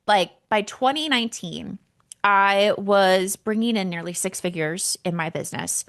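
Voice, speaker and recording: A woman's voice: mid-range voice, unhurried. Woman, 30s, solo podcast host, candid storyteller, casual and frank. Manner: candid, animated, casual swearing. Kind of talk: personal storytelling monologue.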